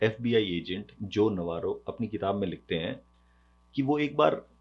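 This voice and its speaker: A man with a lowish, husky voice explaining science in a relaxed, conversational lesson. He often poses rhetorical questions to his viewers. The recording sounds dull and lo-fi. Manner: conversational, mixes English terms into Hindi, asks rhetorical questions. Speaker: educational video host.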